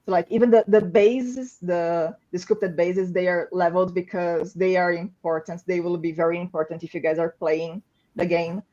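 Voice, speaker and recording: A woman excitedly explaining a product on a livestream panel, with lots of "like" fillers. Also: on the low side, moderate pace, lo-fi sound. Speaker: game company staff member.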